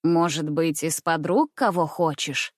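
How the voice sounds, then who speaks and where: A woman voicing a kind middle-aged uncle who speaks slowly and softly to the children, in a storybook reading. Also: low-pitched, no room sound, clean studio sound, voice pushed down. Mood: gentle.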